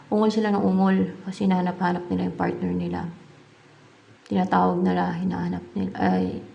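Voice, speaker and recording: A woman's voice: medium pitch, gravelly, warm tone, muffled recording. A woman giving a casual spoken tarot reading, musing aloud and repeating herself as she mixes English into her speech. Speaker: tarot card reader.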